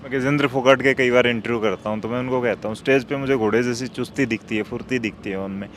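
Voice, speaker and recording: A man's voice: medium pitch, fairly even intonation, quick pace, a little hiss or hum. A man interviewing two young women, asking friendly, teasing questions. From Haryana, India.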